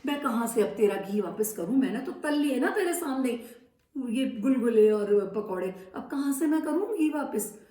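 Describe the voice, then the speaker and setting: A woman's voice: fairly high pitch, expressive, normal speed, dark tone, reverberant, lightly acted. A woman voicing a cranky old village woman who scolds and shoos in a children's story. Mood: grumbling. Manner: scolding, shooing.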